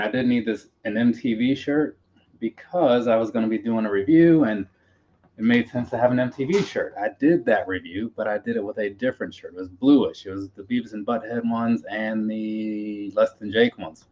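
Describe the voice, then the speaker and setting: A collector vlogger unpacks his purchases on a live stream, chatting casually, rambling and talking to himself in a lowish voice at a moderate pace. A pop punk playlist plays faintly behind him, and the lo-fi audio is slightly dull with faint noise.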